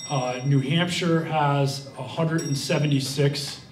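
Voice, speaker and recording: A man's voice: fairly high pitch, steady tone, slow pace, a little hiss or hum. Rambling young man at a library talk. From Vermont. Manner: rambling, many fillers and restarts. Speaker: guest speaker. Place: library event room. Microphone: handheld mic. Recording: roomy sound from far off.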